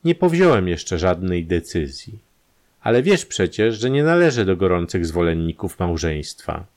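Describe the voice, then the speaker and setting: A man's voice: deep voice, very animated, moderate pace, darkish tone. A man voicing a curt, evasive young suitor. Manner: curt, dry replies. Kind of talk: audiobook character reading.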